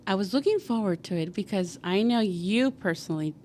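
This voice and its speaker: A woman's voice: mid-range voice, animated, fairly quick, darkish tone, a little hiss or hum. A woman in her forties from Guatemala, a podcast guest telling her story in a chatty way full of fillers. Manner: chatty, many fillers like "like" and "you know". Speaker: guest, cleaning company founder. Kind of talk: casual podcast interview.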